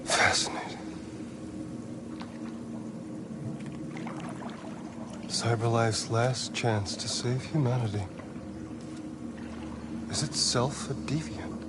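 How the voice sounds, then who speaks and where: Game villain male actor: cool, cerebral visionary, probing and measured, mid-pitched, over loud ambience. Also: close to an everyday voice. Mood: intrigued. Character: calm, cerebral, manipulative tech visionary man. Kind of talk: dramatic video game acting. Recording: loud ambient noise behind voice.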